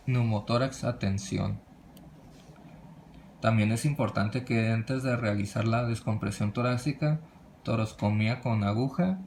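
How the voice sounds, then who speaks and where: Man, gravelly voice, halting slide lecture, frequent restarts, faint background hiss. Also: medium pitch, a little mellow. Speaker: presenter of a medical lesson.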